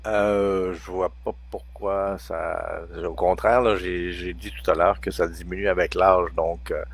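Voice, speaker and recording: A man's voice: low-pitched, level tone, a little slow, creaky. A man in his sixties with a Quebec French accent, a researcher explaining natural sleep aids in a casual chat, hesitant with many restarts. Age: 60s. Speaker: guest pharmacology researcher.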